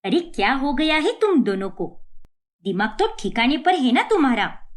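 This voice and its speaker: A woman voicing a stern middle-aged mother-in-law in a cartoon story, scolding harshly and slowly. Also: high-pitched, big pitch swings. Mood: angry scolding.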